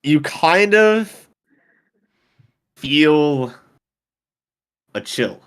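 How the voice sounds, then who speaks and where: A man's voice: on the high side, animated, extremely slow, a bit bright, clear, resonant tone. A man narrating as game master of a tabletop game, casual and peppered with fillers.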